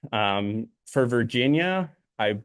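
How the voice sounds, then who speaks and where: A man's voice: medium pitch, expressive, slow pace, no room sound. A man co-hosting a podcast, rambling casually with many ums and uhs. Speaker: podcast co-host. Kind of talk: casual chat.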